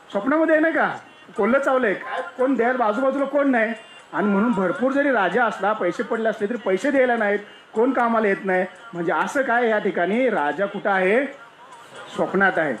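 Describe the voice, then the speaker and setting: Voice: mid-range voice, slight background noise. A spiritual discourse speaker explaining teachings through a parable, often asking rhetorical questions and then answering them. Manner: explanatory, repeats key points.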